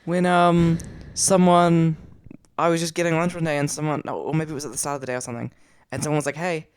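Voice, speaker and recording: A laid-back podcast co-host in a medium-pitched voice, chatting casually. The sound is dry and close, with no room to it. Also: flat delivery, quick pace, clear, resonant tone, dry recording. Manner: laid-back, short agreeing replies. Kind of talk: casual chat.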